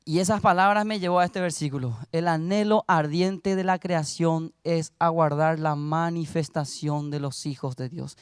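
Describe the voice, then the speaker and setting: A young man preaching a sermon, telling a story and then rising into loud exhortation. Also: on the high side, steady tone, normal speed, few pauses, clean tone, no room sound, clean studio sound.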